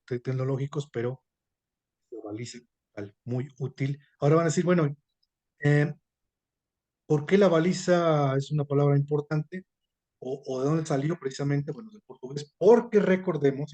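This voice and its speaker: A man giving a seminar lecture, lively, often checking in with listeners and hesitating between phrases, his loudness rising and dropping. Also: on the high side. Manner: loudness swings between emphatic and soft. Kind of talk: explanatory lecture to a class.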